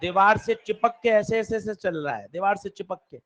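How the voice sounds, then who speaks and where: A man teaching a physics class, lively and quizzing his students directly. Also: sits high, moderate pace. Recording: dull lo-fi classroom recording.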